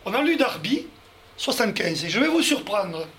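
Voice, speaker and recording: A man teaches Bible study to a group, breaking the verses down step by step and talking directly to those listening. His high voice is sing-song and a bit bright, his pace moderate, and there's slight background noise.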